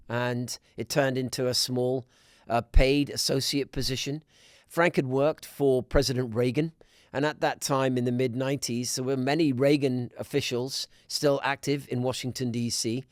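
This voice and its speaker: A middle-aged man from Scotland, a podcast guest talking in a measured way with many restarts. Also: medium pitch, no echo, studio quality. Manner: measured, with frequent restarts and fillers. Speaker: guest, business council president. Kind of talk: conversational podcast interview.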